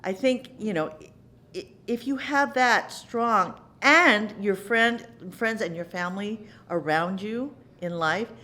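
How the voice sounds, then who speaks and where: A middle-aged woman, an actress, talking in an interview at a theater in an animated way, often repeating words for emphasis. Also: medium pitch, takes it slowly. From United States. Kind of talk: reflective interview talk.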